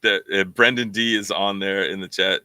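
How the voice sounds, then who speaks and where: A man with a deep voice and a forceful, bright edge talks through a casual fan podcast chat. He rambles, doubling back on words and leaning on fillers. The sound is dry and close. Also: steady tone, normal speed, clear, resonant tone, dry recording. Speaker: podcast co-host.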